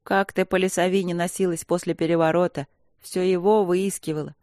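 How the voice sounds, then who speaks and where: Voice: mid-range voice, flat delivery, brisk, a little mellow, no echo, studio quality, natural voice. A reader voicing a blunt, worried older mother who scolds her grown daughter tenderly, in an audiobook. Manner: plain-spoken, scolding and tender.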